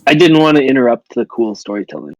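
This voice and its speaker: A man's voice: medium pitch, very animated, fast, dry recording, poor audio. A man playing a tabletop game, chatting casually in a matter-of-fact way. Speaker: player. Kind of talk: casual chat.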